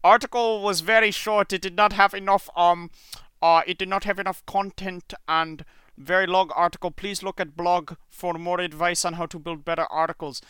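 A man's voice: moderate pace, smooth, dry recording. A man voicing an overly polite male blog spam commenter in a put-on Indian English accent, in broken English. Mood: flattering. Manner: broken English, flattering, high and loud.

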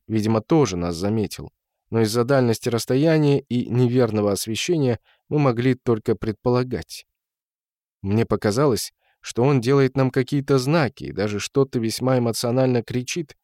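A man narrating a story as an audiobook reader, in a measured storytelling manner. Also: mid-range voice, a little mellow, no echo, clean studio sound. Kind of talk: audiobook reading.

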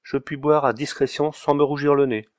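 A man's voice: medium pitch, steady tone, moderate pace, pitched above the performer's own voice, lightly acted. A man voicing a wealthy retired male notary who speaks in a wry, jesting way.

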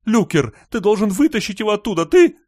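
A man voicing a hysterical older woman in an audiobook, screaming loudly. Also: sits high, sing-song, brisk, dry recording, clean studio sound, voice pushed up. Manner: screaming, wild shrieks.

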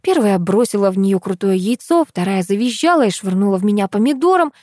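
A woman narrating a humorous first-person audiobook story in a lively, ironic manner. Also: mid-range voice, a little fast, no room sound, studio quality.

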